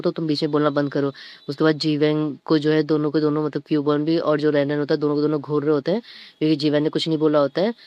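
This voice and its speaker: A man casually retelling a comic story, rushing through quoted lines and fillers. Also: on the high side, clean tone, dry recording. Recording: dull dry lo-fi sound.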